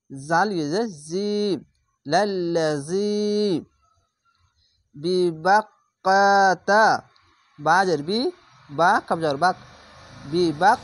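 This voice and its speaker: A woman with a somewhat low voice teaches recitation, breaking every word into letters and vowel marks before joining them back up at a slow, patient pace. The recording is close and dry, with no room sound. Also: no echo. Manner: spells each letter and vowel, then blends the word slowly. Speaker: Quran reading teacher. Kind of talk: slow spelled-out recitation lesson.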